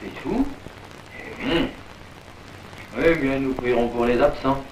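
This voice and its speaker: A man's voice: mid-range voice, slow, close to an everyday voice. A man playing an earnest, devout village priest with a solemn, fervent manner in an old 1940s film. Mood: gentle, concerned. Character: earnest, devout male village priest exhorting his flock. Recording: echoing 1940s film sound, distant, faint noise.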